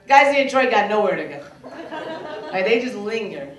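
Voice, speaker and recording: A young woman from Michigan performing a stand-up comedy set in a club, playful and animated, slipping into voices of other people. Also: medium pitch, normal speed, a crowd in the background. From Michigan, USA. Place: comedy club stage before a laughing audience. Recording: roomy, distant club recording with noise.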